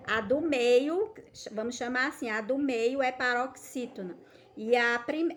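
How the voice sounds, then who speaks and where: A woman's voice: a little high, a bit bright. Patient woman teaching young children. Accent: Brazilian Portuguese. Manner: patient, checks in often with "tá certo?"; stretches words slowly to show stress. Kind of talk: recorded remote lesson for children.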